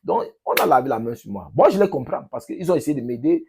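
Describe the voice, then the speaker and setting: A man from Cameroon with a Cameroonian French accent, talking casually to his subscribers in an emphatic, repetitive, halting way. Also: medium pitch, expressive, gravelly, darkish tone, breathy edge. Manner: emphatic, repeats phrases, halting with restarts. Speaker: vlogger, language teacher.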